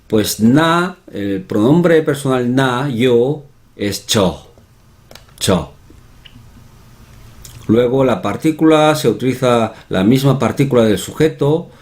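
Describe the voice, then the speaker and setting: A man's voice: medium pitch, lively intonation, slow pace, long pauses, darkish tone. A man teaching an online language lesson, explaining patiently and repeating example words several times, with chatty asides. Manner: chatty asides, often asks "¿no?".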